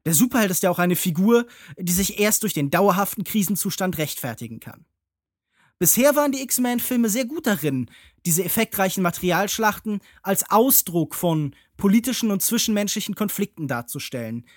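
A man's voice: sits high, sing-song, normal speed, dry recording. A man talks through films as a podcast panelist. His phrasing is elaborate and intellectual, his approach analytical, and the sound is dry and close. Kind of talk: analytical film discussion.

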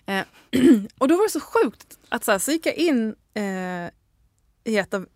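A woman's voice: a little high, very animated, darkish tone, no echo, clean studio sound. A woman, a podcast guest who chats animatedly and chimes in often. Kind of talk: casual podcast chat.

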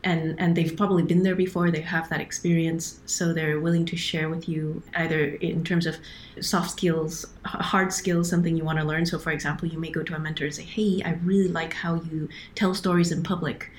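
A woman with a slightly low voice is explaining things earnestly on a remote podcast call, restarting her sentences often. A faint hum of room noise sits behind her. She sounds middle-aged and talks in a measured, explanatory way. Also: little pitch movement. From Hong Kong. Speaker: guest, operations director. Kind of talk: podcast interview.

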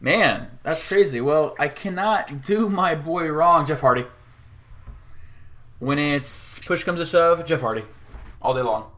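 Guy cohosting a podcast, kinda high voice, teasing his buddy a lot. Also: lively intonation, measured pace, a bit bright. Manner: teasing, enthusiastic, playfully ribs his co-host. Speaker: podcast co-host. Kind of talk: casual chat.

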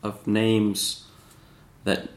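A man's voice: on the low side, level tone, very slow, echoey room. A man co-hosting a casual podcast chat, giving hesitant, laid-back replies. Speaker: podcast co-host.

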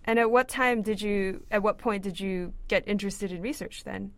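Speaking at a moderate pace in a mid-range voice, a woman in her twenties who is a graduate student reads a scripted intro and then asks interview questions for a science show, often saying "um" and "uh." She's recorded on a dry close mic with faint music behind her.

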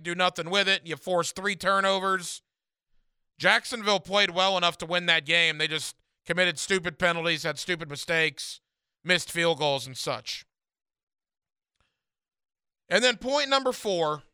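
Bright, high-pitched man doing radio contest promo. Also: smooth, dry recording, studio quality. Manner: emphatic, repeats phrases, direct address to listeners. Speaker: sports radio host. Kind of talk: radio contest promo, announcing a ticket giveaway to callers. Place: radio studio.

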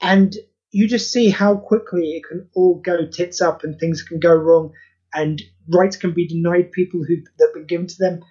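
The guest in this casual podcast interview, a man who creates charity audio plays, has a high, warm voice with fairly even intonation and a moderate pace. He speaks earnestly and informally, rambling, and the lo-fi recording sounds dull.

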